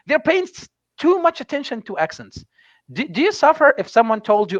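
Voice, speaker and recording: An Egyptian man with Arabic as his first language hosts in English, often pausing to hunt for the right word. His voice runs high and swings widely in pitch. The sound is close and dry, but dull and lo-fi. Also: a bit bright, no echo. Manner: hesitant, searches for words with many fillers. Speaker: host and English instructor. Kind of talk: interview questions.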